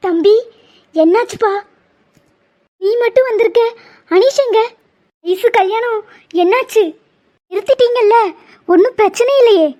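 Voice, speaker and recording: Woman voicing a fretful cartoon mother, very high. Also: a little slow, pauses often, dark tone. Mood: worried. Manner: fretful, pleading questions. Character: worried anxious mother of a grown son.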